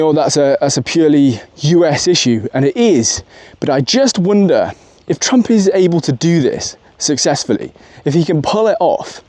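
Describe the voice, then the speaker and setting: Man, casual rambling commentary, fillers and asides, talking in his car, fairly high voice, dry sound. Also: darkish tone, dry recording. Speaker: political commentary vlogger. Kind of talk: casual opinion monologue.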